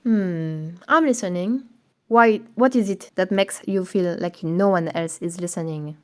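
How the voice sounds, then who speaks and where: A woman acting in an animated short film, speaking in an earnest, questioning manner. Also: lowish voice, measured pace, close to an everyday voice. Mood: polite, attentive. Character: opinionated woman, later a polite, attentive therapist. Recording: music under the voice.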